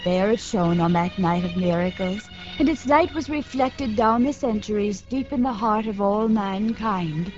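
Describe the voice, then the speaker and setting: A woman reading a children's story aloud in a gentle, expressive way as host of a radio program, heard from an old broadcast disc recording. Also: mid-range voice, measured pace, few pauses. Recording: dull lo-fi 1950s radio transcription with music.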